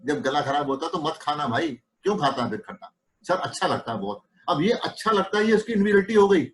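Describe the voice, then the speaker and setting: Man teaching with rhetorical questions, higher voice. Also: lively intonation, fast, rough recording. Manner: conversational, fires rhetorical questions, acts out dialogues. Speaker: homeopathy teacher. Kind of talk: webinar lecture to students.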